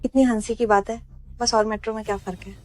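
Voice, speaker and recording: A woman's voice: a little high, fairly even intonation, quick pace, a little mellow, no room sound, natural voice. A woman playing a snooty, boastful ex-colleague. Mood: mocking. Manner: mocking, condescending. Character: snobbish young female ex-coworker, boastful. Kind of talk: dubbed drama dialogue.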